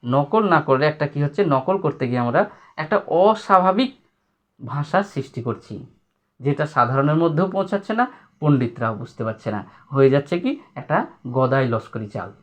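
A man's voice: on the high side, expressive, moderate pace. A man teaching a literature lesson to students. He speaks, asks questions and repeats his points. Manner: explains by repeating and asking questions, tells students to underline.

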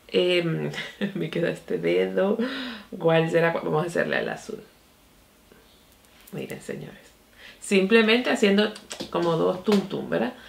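A young beauty vlogger chats excitedly as she tries out new makeup at her vanity. Her voice sits on the low side and is gravelly with vocal fry. She keeps calling out to her viewers as she talks. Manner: chatty and excitable, often says "mi amor" and "señores". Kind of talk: casual makeup review and tutorial.

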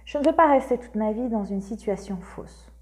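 A woman's voice: on the high side, lively intonation, moderate pace, mellow, close to an everyday voice. A woman voicing an earnest young man from a well-off family, speaking plainly and a little subdued.

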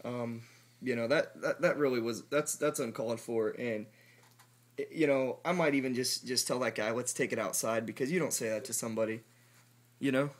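A man's voice: mid-range voice, moderate pace. A man acting as a supervisor on a phone call, effusive and overly sympathetic.

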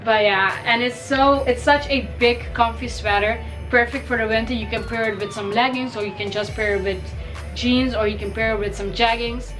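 With music in the background and poor audio, a young adult Caribbean woman chats cheerfully through a shopping haul for her fashion vlog, filmed in her bedroom. Her voice is on the high side with a steady tone and normal speed, and a cold means it may crack.

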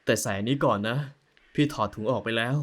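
A man voicing a tender young man in an audio novel, soothing and promising in a soft, low voice. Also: fast, natural voice. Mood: playful.

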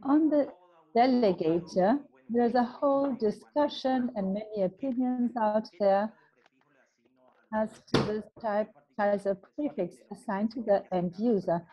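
A woman giving a technical presentation in a measured, step-by-step way, interpreting for the speaker. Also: a little high. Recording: dull lo-fi webinar audio.

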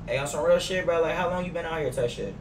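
A young American man streams a crime roleplay game from a room at home, chatting casually in slang. His voice is a little high and quick. Through his gaming headset the stream sounds noisy, echoey, and slightly distant, with game car and ambient sounds behind him.

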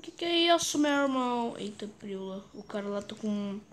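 A woman with a Brazilian Portuguese accent giving excitable gameplay commentary and chanting the same words over and over. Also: mid-range voice, normal speed. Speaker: gaming YouTuber.

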